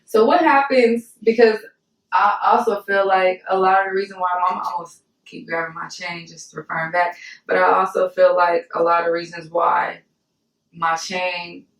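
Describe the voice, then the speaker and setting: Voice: mid-range voice, flat delivery, normal speed, a bit bright. Co-host, casual candid chat, reflective, mid voice, echoey, far from the mic. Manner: reflective, checks if they make sense.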